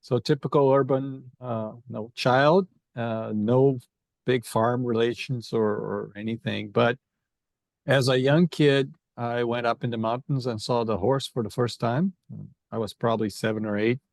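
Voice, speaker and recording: A man's voice: mid-range voice, fairly even intonation, a little slow, creaky, dry recording. A man in his fifties from Brazil, a veterinarian guest in a podcast interview, speaking conversationally and repeating words as he thinks.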